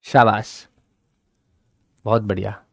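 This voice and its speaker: A man teaching English grammar in a live online class, talking fast, then slowing right down to spell out English example sentences. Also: on the low side, flat delivery, vocal fry, no echo, clean studio sound.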